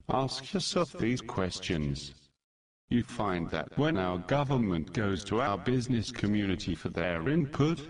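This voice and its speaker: A man from Canada with a disguised, lowered deep voice, reading out a political statement in a measured, declaiming way with deliberate pauses. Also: far from the mic. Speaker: anonymous speaker of a political message.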